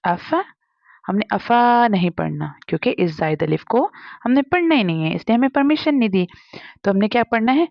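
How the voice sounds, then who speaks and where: A woman's voice: fairly high pitch, lively intonation, moderate pace, gravelly, dry recording, dull audio. Woman teacher patiently spelling out Arabic letters. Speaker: Quran reading teacher. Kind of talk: step-by-step spelling lesson.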